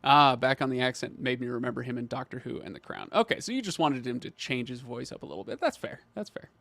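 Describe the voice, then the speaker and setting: A man's voice: medium pitch, animated, fast talker, a bit bright. A man hosting a casual livestream chat, talking in hesitant bursts with many restarts and reading out viewer comments. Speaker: livestream host.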